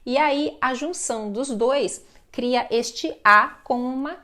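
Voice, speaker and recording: A woman's voice: sits high, slow, pushed and bright. A woman teaching a grammar lesson online, explaining patiently and often checking in with "né?". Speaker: Portuguese teacher.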